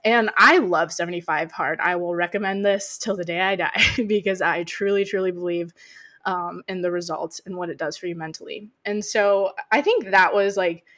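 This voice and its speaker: A woman's voice: lowish voice, fairly bright tone. Reflective woman podcast co-host. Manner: candid and reflective, with many "um" pauses. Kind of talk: casual podcast chat.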